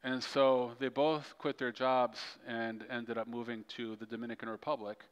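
A male pastor preaching a sermon with animated storytelling. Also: normal speed, clear, resonant tone, highs cut off. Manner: storytelling, animated swings in pitch and loudness. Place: large church hall. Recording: long church hall reverb.

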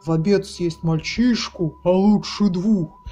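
A woman voicing a hungry, grumbling male giant in a children's storybook reading, booming and growling. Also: takes it slowly, warm tone, dull audio, faint music behind. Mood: greedy. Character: hungry grumbling male giant, fierce but secretly kind.

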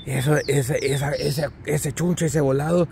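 A man's voice: fairly high pitch, fairly even intonation, a little slow, creaky, a little mellow, a little hiss or hum. A man voicing a naive country man seeing a city for the first time, in simple country speech.

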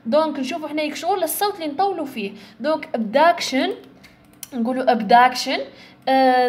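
A young woman with an Algerian Arabic accent, explaining an English exam step by step and slowly sounding out English words to show where the stress falls. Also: high voice, darkish tone. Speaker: English tutor. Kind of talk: exam-prep lesson.

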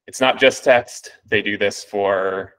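A man's voice: on the low side, steady tone, slow, a bit bright, low-quality recording. A man presenting a machine learning paper to a reading group, in a casual walkthrough with many ums and restarts.

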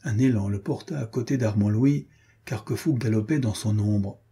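A man reading a swashbuckling novel aloud as an audiobook narrator, in a measured, expressive way. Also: lowish voice, husky. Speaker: audiobook reader. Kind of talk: scripted narration.

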